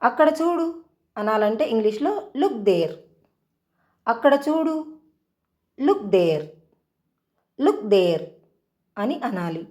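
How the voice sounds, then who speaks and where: Woman English tutor, unhurried drill-style delivery, fairly high and very expressive. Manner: repeats each phrase slowly, in Telugu then English. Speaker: English teacher. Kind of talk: spoken English lesson.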